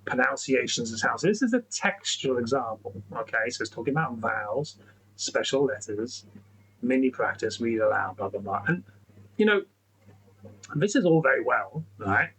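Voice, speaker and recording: A man's voice: mid-range voice, expressive, normal speed, a bit bright, low-quality recording. Guy rambling thru a screen demo, faint hum behind him. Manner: chatty, rambling, lots of restarts and "okay, so". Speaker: tech educator. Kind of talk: screen-recorded tutorial.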